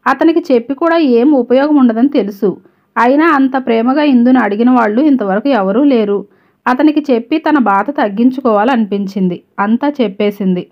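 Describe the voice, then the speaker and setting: Woman storyteller, steady even narration, fairly high voice, slightly muffled lo-fi recording.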